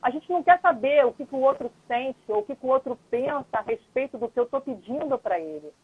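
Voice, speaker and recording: A woman with a high, animated, fairly quick and slightly rough voice speaks as a lawyer and mediator guesting on a live stream. She explains things patiently in casual conversation, often checking in with the listener. The audio is dull, dry lo-fi live-stream sound.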